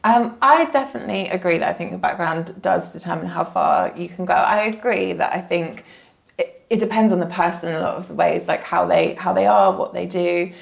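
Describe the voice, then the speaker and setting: Woman, 30s, podcast panelist; low-ish voice with heavy fry, thoughtful and hesitant. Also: brisk. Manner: reflective, hesitant with fillers and restarts. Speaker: co-founder of an HR consultancy. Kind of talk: casual podcast discussion.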